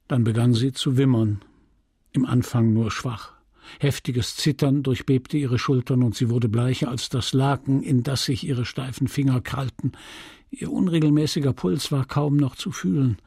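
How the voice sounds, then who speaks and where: A man reading a classic novel as an audiobook in a measured, dramatic, often hushed way, on a close studio mic. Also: mid-range voice, fairly even intonation, creaky, slightly rough, no room sound. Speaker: audiobook narrator.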